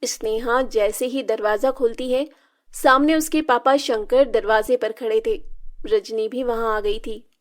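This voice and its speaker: A woman narrating a moral story in a plain, steady scripted telling. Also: a little high, measured pace.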